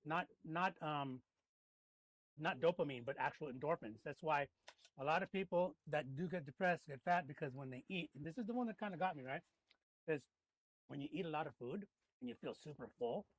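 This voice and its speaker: A man's voice: on the high side, expressive, brisk, no room sound. A man in casual chat over a meal, rambling and restarting his sentences with fillers as he explains.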